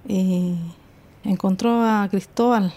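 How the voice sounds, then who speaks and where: A woman's voice: mid-range voice, steady tone, takes it slowly, warm tone. A woman who lives on an island, plainly recalling events in an interview. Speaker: island resident. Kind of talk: interview recollection.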